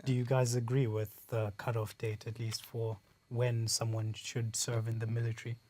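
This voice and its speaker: Even-toned male debate moderator. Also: mid-range voice, slight background noise. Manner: asks measured, structured questions.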